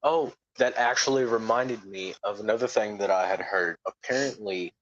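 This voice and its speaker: A man co-hosting a casual podcast, laid-back, reading haltingly from a web page. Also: fairly low pitch, fairly bright tone, no room sound, muffled recording. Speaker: podcast co-host.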